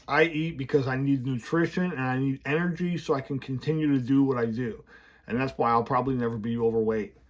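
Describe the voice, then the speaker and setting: Man talking through new braces. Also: medium pitch. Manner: candid, rambling, animated. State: slurred speech from new braces. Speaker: vlogger running a business. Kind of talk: casual vlog talk to camera. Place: his office.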